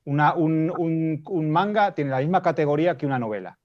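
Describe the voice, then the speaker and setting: A Spanish man from Spain, with a Spain accent and a fairly quick, higher-than-average voice, speaks as a panelist in a casual panel discussion over a lo-fi call. He is explanatory, restates his points, and hesitates often. The audio is dull and lo-fi.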